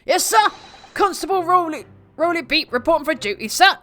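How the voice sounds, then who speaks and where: A woman's voice: very high-pitched, expressive, fairly quick, fairly bright tone, pitched above the performer's own voice. A woman voicing an eager, drowsy male London police constable from a video game, earnest and dutiful. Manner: crisp reporting, ends phrases with "sir". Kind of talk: video game read-aloud voice acting.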